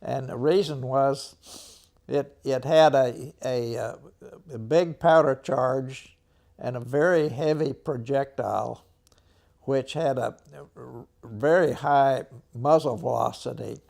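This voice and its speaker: In an interview about his wartime memories, a nonagenarian American veteran speaks in a mid-range, darkish voice. His delivery is halting, with frequent throat clearing.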